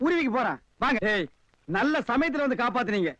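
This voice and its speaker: A very high-voiced mocking scolder. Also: male voice, sing-song, fast talker, bright, forceful tone, no echo, muffled recording, exaggerated voice. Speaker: comic lead in a film scene. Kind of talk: film comedy dialogue.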